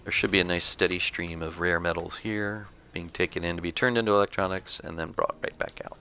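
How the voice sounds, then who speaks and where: A man giving relaxed, explanatory commentary on his own gameplay, thinking aloud as he plays. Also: low voice, brisk, slight background noise.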